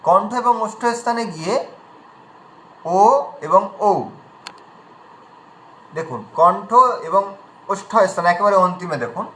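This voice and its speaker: A man's voice: sits high, moderate pace, pauses often, a bit bright, echoey room, a little hiss or hum, low-quality recording. A man teaching pronunciation in an online class, patiently demonstrating sounds one at a time.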